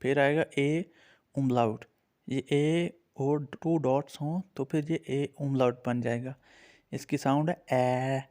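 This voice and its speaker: A man's voice: medium pitch, fairly even intonation, takes it slowly, a little mellow, smooth. A man with an Urdu-influenced accent teaching a beginners' language lesson, patiently naming and repeating each letter for his learners.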